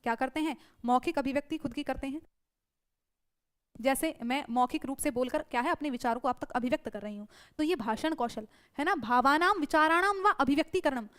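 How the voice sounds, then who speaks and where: A woman's voice: high voice, a little fast, fairly bright tone. A woman teacher giving an online exam-prep lecture, drilling students with repeated rhetorical questions.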